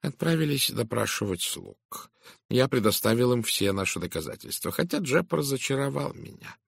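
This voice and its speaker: A man doing a soft-spoken, shrewd Belgian detective. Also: medium pitch, very animated, normal speed, gravelly, slightly rough, no echo, clean studio sound, pitched above the performer's own voice, full character voice. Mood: confiding. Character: fussy, shrewd Belgian male detective, middle-aged.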